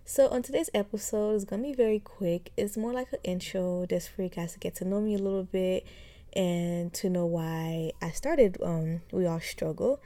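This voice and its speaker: This podcast host is a Haitian woman in her twenties whose dark voice sits on the low side at a normal speed. Opening her casual show, she's chatty and peppers her talk with "um" and "like," breaking into frequent light laughs.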